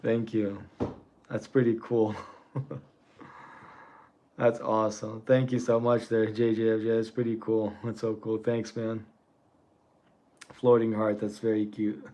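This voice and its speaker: A man's voice: fairly low pitch, monotone, a little slow, pauses often, mellow. A man in his forties, born in Russia and raised in the US, chatting casually on a trading livestream, rambling and thanking viewers with frequent chuckles. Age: 40s.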